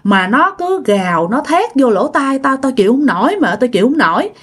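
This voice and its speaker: A woman's voice: high-pitched, very animated, a little fast, a bit bright, breathy edge, pitched above the performer's own voice, full character voice. Woman narrator doing a frail, scared old great-grandma, Southern Vietnamese accent, repeats her pleas; folk ghost story. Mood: terrified. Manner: repetitive, pleading exclamations.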